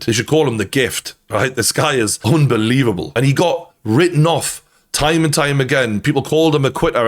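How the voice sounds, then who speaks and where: Emphatic man. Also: medium pitch. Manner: emphatic, conversational, sweary. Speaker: YouTube sports commentator. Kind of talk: opinionated boxing reaction commentary.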